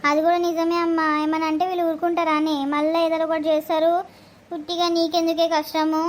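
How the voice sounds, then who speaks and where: A woman's voice: very high-pitched, monotone, fast talker. A woman voicing an anxious young married daughter in a cartoon, with a worried, pleading manner. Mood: confiding. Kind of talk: cartoon voice acting.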